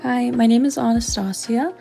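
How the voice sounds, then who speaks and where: A woman from Canada leaving a soft, gushing voice message as a caller. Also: fairly high pitch, moderate pace, creaky, faint music behind.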